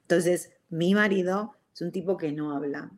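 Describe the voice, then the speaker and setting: Woman, Rioplatense accent, self-help speaker: expressive, loose, keeps restarting sentences and mixing in English words. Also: fairly low pitch, moderate pace. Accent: Rioplatense Spanish. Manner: addresses listeners directly with frequent "ok?". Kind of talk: casual motivational talk.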